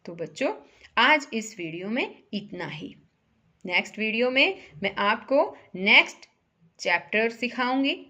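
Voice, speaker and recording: A woman teaching a primary-school Hindi lesson as a voice-over, saying words clearly one by one so children can repeat after her. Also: a little high, fairly bright tone. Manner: slow, careful word-by-word drills for repeating.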